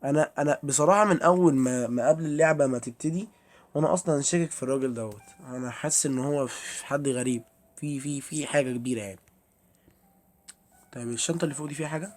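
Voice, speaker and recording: A man's voice: medium pitch, fast. A young man with an Egyptian Arabic accent giving chatty commentary while playing a horror game and talking to his viewers. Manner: chatty, addresses viewers, easily startled. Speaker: gameplay streamer.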